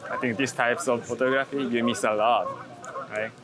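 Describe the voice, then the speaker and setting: With a fairly even intonation and moderate pace, a Japanese man's mid-range voice comes through amid traffic and city noise in a busy park. He's a street photographer being interviewed, speaking casually with a Japanese accent and often reaching for English words.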